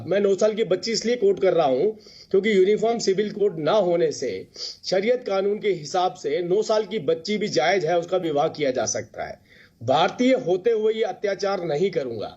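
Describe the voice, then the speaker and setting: A man's voice: sits high, mellow, breathy edge, muffled recording. A man arguing insistently as a guest on a TV panel debate, repeating rhetorical phrases over a remote link. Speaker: party spokesperson, debate guest.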